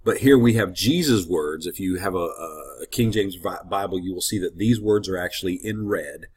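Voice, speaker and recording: This ministry teacher's voice sits low and has a darkish, husky tone at a normal speed. He leads a relaxed Bible teaching, sniffling and slightly congested, chatting in a friendly way and wandering off into asides.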